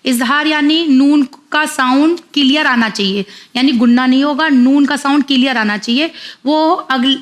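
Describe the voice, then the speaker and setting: A woman teaching Quran reading to children, spelling out syllables one by one, repeating them and correcting common mistakes. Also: sits high. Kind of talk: slow spelled-out recitation lesson.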